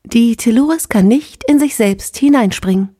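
A woman reading an audiobook, voicing an emotionless shipboard artificial intelligence in a flat, calculating manner. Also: a little high, moderate pace, husky, dry recording, studio quality, voice pushed up. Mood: matter-of-fact. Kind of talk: audiobook character voice.

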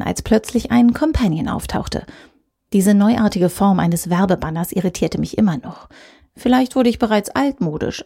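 A woman's voice: medium pitch, creaky, mellow, breathy edge. A woman reading a first-person short story aloud in a dry, sardonic tone. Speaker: audiobook reader. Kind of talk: scripted story narration.

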